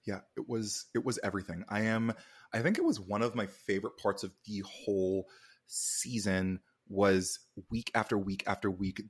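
A man's voice: lowish voice, slightly rough. A man hosting a conversational recap interview in an effusive, campy manner full of endearments. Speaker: podcast interviewer and host.

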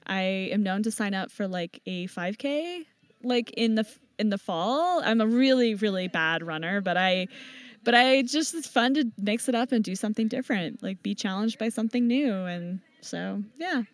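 A woman talking casually in an interview, relaxed and unhurried, often pausing on fillers as she works out her answers. Her voice sits at a middle pitch and sounds close and dry, with almost no room sound. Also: dry recording. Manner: relaxed, thinks aloud with many fillers. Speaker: professional mountain bike racer and team owner.

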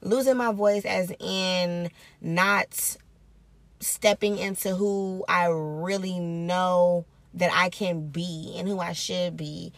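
On a dry recording, a woman with a low-ish, steady voice takes things slowly while hosting her solo podcast. Her talk is casual, upbeat and reflective, with phrases repeated for emphasis.

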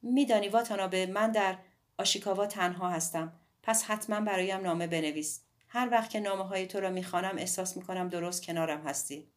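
A woman voicing a warm, frank middle-aged woman musician in an audiobook, speaking tenderly and earnestly. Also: mid-range voice, steady tone, close to an everyday voice. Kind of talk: audiobook dialogue.

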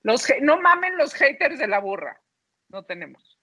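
High, bright Mexican woman. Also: very animated, normal speed. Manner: slangy, complaining banter. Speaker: podcast co-host. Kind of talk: casual chat.

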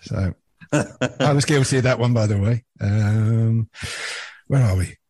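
Male quiz host, husky tone, dry close sound, casual and jokey. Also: fairly low pitch, unhurried, darkish tone, dry recording. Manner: reads out lyrics, jokey. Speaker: podcast co-host running a quiz. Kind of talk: casual chat.

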